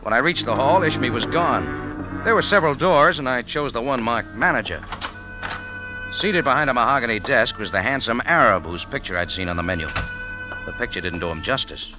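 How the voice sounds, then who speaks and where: An actor plays a wry, tough American cafe owner and sleuth who narrates his own story as the lead character, in punchy hardboiled radio-drama style. His medium-pitched voice is expressive and fairly quick, lightly acted, with a wry, watchful mood. It sounds like an old radio recording with background music.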